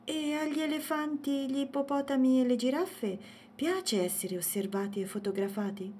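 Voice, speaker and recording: A woman's voice: high voice, normal speed, a little mellow, a little hiss or hum, voice pushed up, natural voice. A woman voicing a curious, wide-eyed little girl in a children's storybook, amazed and full of questions.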